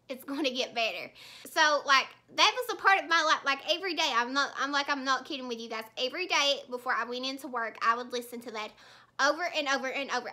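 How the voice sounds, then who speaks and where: A woman's voice: high-pitched, bright, forceful tone. A young woman beauty vlogger talking casually and earnestly while doing her makeup, with lots of fillers and restarts. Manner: chatty and heartfelt, many fillers and restarts.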